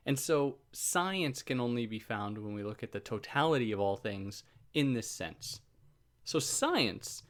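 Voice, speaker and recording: This male podcast host has a soothing, medium-pitched, slightly bright voice. He gives a casual explanatory lecture in a conversational, easygoing style, self-deprecating and prone to wandering off topic.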